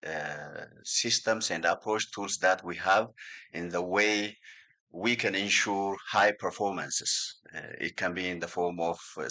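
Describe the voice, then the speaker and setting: Deep-voiced man from Ethiopia presenting. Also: bright, forceful tone. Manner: hesitant, frequent fillers. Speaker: conference presenter. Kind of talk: conference presentation. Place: large conference hall.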